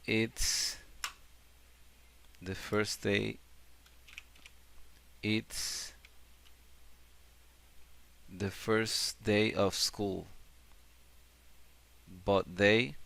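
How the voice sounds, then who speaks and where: A man teaching a beginner English grammar lesson, repeating example sentences slowly and clearly. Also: fairly low pitch, level tone, a bit bright. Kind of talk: slow classroom-style grammar lesson.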